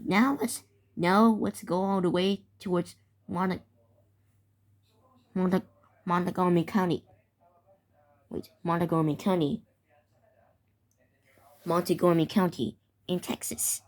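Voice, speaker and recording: Pausing often, a young woman, teenage or young adult, speaks slowly in a fairly low, steady voice as she narrates a fictional emergency for her amateur video. She improvises, reads out weather warnings, and stumbles over and repeats words, all against loud music.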